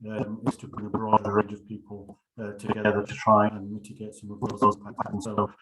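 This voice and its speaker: A man speaking in a remote council meeting over a video call, his voice bubbly and garbled as if underwater, and his delivery halting with many pauses. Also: lowish voice, monotone, a crowd in the background, rough recording. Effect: bubbly underwater-sounding garbled connection. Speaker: council officer.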